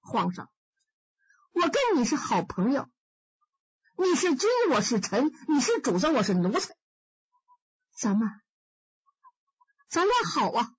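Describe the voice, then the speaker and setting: A woman's voice: high-pitched, very animated, measured pace, pauses often, husky, highs cut off, exaggerated voice. A woman voicing a crafty teenage boy posing as a eunuch in a storytelling performance, whiny and wheedling with fake sobs. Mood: sobbing, wheedling.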